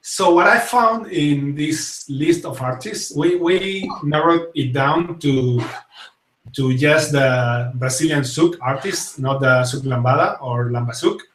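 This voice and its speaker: A man's voice: on the high side, takes it slowly, a bit bright, distant mic. A young man from Spain with a Spanish accent, hosting a casual live-streamed talk show and talking hesitantly, with many fillers and restarts. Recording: echoey room, voice set back from the mic.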